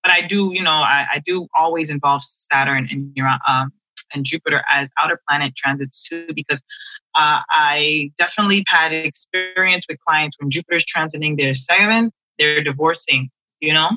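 Bright, chatty woman astrologer. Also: low voice, normal speed, no room sound, poor audio. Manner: chatty, frequent "you know" fillers. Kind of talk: casual podcast conversation.

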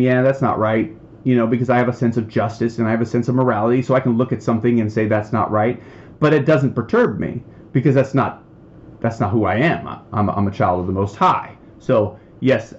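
A man's voice: mid-range voice, highs cut off. A man preaching a heated, emphatic podcast sermon, getting worked up as he talks.

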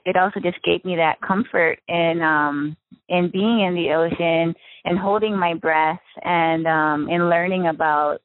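A woman's voice: sits low, no echo. Woman from Hawaii on a phone line. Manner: relaxed, chatty with frequent ums and soft laughs. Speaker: guest, freediving spearfisher. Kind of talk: casual interview over the phone. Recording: tinny phone line, dry.

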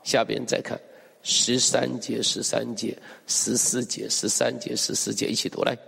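A man's voice: medium pitch, flat delivery, normal speed, vocal fry, long reverb tail, noisy background. A male pastor preaching a sermon, emphatic and full of rhetorical questions to the congregation. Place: church hall.

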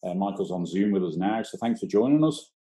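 Male podcast host, relaxed dark tone, halting conversational questions, echoey room. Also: low-pitched. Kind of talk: casual interview chat.

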